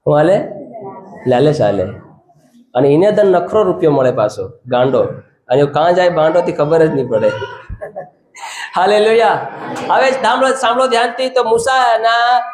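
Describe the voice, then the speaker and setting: A man's voice: high voice, echoey room. A man preaching a sermon as pastor. He speaks, calls out questions to the congregation and repeats his phrases.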